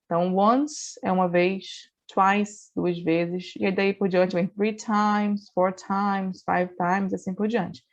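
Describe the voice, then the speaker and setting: A woman's voice: medium pitch, level tone, slow pace, hardly any pauses. A woman teacher explaining English grammar in a patient, step-by-step way, often checking in with the class. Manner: patient explaining with frequent "né?" and "então". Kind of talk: recorded online class. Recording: dull lo-fi recording.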